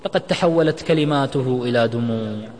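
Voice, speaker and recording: A man's voice: medium pitch, a little fast, a little mellow. Male story narrator with long reverb.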